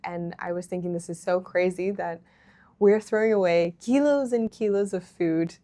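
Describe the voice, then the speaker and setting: A young woman founder in a casual interview, relaxed and chatty, with many ums and easy laughs. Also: on the low side, moderate pace. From Hong Kong. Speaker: startup founder, interview guest.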